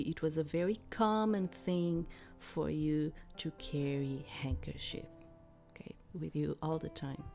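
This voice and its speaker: A woman's voice: fairly low pitch, warm tone. A woman streaming a mystery game, not a native English speaker, chatting in a rambling way and reading the narration. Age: adult, grew up before handkerchiefs went paper. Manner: rambling, lots of "like" fillers.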